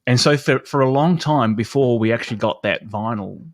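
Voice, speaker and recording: A man's voice: mid-range voice, moderate pace, dry recording. Chatty New man with a dry sound. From New Zealand. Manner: rambling, storytelling, loose and chatty with fillers. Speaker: livestream host. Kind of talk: casual chat.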